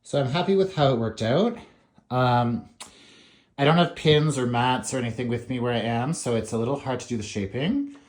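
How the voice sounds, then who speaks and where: A man's voice: medium pitch, moderate pace. A man vlogging casually to camera, chatty and rambling, with frequent fillers and small laughs. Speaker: knitting vlogger. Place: indoors, away from home.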